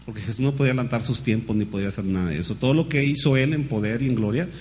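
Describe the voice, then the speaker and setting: Animated male preacher asking the crowd questions. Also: medium pitch, very fast, a little hiss or hum. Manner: lively, calls listeners "hermano", many rhetorical questions. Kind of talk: sermon.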